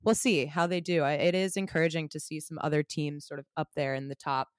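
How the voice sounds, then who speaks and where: A woman co-hosting a podcast, chatting casually in a measured, slightly hedging way. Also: sits low, steady tone, no echo, clean studio sound. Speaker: podcast co-host. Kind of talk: casual chat.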